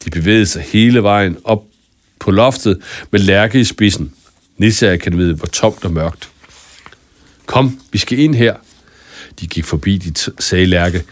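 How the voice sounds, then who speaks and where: A man reading a children's story aloud in a calm, even narration. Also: low voice, no echo. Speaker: audiobook narrator. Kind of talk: scripted narration.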